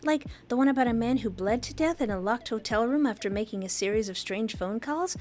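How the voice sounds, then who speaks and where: A woman performs a young woman crime blogger in a game story. The voice sits high and sounds bubbly and eager. She rambles along excitedly, with music behind her. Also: fairly quick, natural voice.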